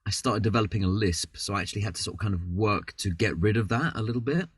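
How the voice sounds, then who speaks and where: A man with a London accent, talking as a guest on a podcast call in a loose, rambling way with plenty of "sort of" and restarts. His voice is a little husky and dry, and he sounds set back from the mic. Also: on the low side, fast, dry recording, recorded from a distance. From London, England. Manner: rambling, chatty, self-deprecating with many fillers. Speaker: voice actor guest. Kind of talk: casual interview chat. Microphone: video call.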